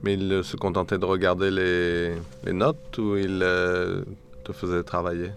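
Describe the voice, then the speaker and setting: A woman's voice: extremely low pitch, flat delivery, measured pace, a little hiss or hum. A woman interviewing someone in a conversational way. She asks probing follow-up questions and keeps saying "mhm.".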